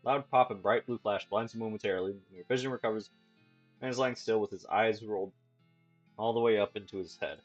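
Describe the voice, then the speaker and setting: A man's voice: on the low side, steady tone, brisk, muffled recording, soft background music. A man reading a video game's text aloud as a let's play host, stumbling and restarting now and then. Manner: plain reading with slips and restarts.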